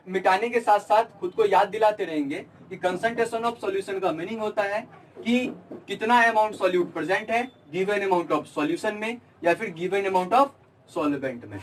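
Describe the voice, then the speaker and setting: A man's voice: high-pitched, unhurried, recorded from a distance, rough recording. A young man teaching chemistry at a board, repeating his own questions and answering them. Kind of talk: classroom lecture at a board.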